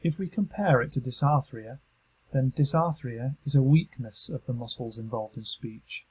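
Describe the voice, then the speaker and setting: Male narrator, British accent, scripted, measured; slightly raspy tone. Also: mid-range voice, low-quality recording. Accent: British English. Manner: calm, measured instructional delivery. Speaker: training narrator.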